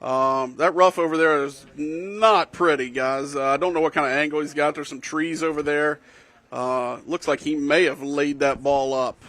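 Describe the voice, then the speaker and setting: A man giving conversational live golf commentary in a folksy, halting way. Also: a little high, fairly even intonation, a bit bright, dry recording.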